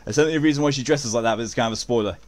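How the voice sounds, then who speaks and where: A man's voice: medium pitch, rapid-fire. A man chatting casually as he streams and comments on a video game.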